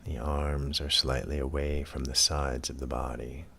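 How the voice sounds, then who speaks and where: This yoga instructor, a man, talks listeners through relaxation slowly and gently, letting long silences sit between his phrases. His extremely low voice sounds creaky and husky.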